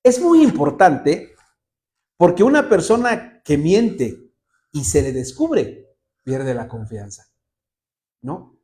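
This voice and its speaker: Mexican pastor preaching, fairly high voice, really animated, acts out the folks in his stories. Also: slow, pauses often. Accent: Mexican Spanish. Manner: lively storytelling, voices quoted characters. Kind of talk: sermon.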